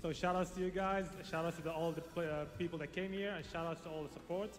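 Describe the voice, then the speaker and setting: A man from Algeria giving a grateful, halting victory interview on stage as tournament champion. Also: on the high side, fairly even intonation, slight background noise. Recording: reverberant arena with faint music.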